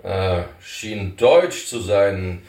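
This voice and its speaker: A man doing a loud, brash frontiersman. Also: low voice, extremely slow, slight background noise, full character voice. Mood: emphatic. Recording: roomy, distant mic.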